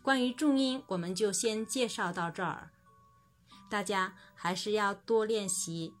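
A woman teaching a recorded language lesson. She explains patiently, then says each example word slowly and clearly. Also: medium pitch, soft background music.

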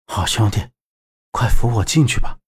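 A man voicing a wounded young man who speaks weakly, low and quiet, faltering. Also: animated, normal speed, breathy edge. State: exhausted.

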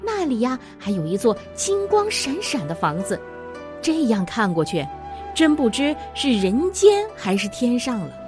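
A woman narrating a traditional children's story in an expressive storyteller's voice. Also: on the high side, measured pace, music in the background. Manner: expressive and animated.

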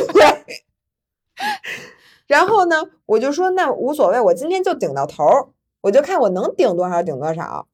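A woman podcast host, telling a story in lively casual chat and laughing often. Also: high-pitched, normal speed, pauses often, husky.

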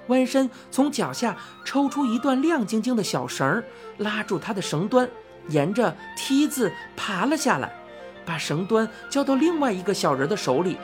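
A woman narrating a children's storybook in a clear, even reading voice. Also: mid-range voice.

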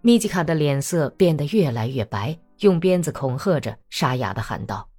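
A woman reads a novel aloud in calm, steady audiobook narration. Her pitch moves expressively through the sentences, and faint music plays underneath. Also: normal speed.

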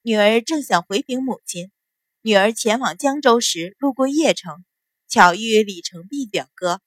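A woman voicing a calm, sharp-witted young noble daughter who speaks with composed, cool sarcasm. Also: a little high, measured pace, no echo.

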